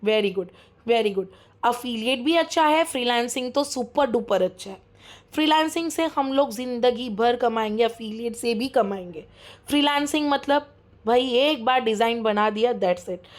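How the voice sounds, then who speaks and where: A young woman teaching a live online class, chatty and encouraging, mixing English into her speech and often checking that students are following. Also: fairly high pitch. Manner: talks fast, keeps checking students follow. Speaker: online course mentor.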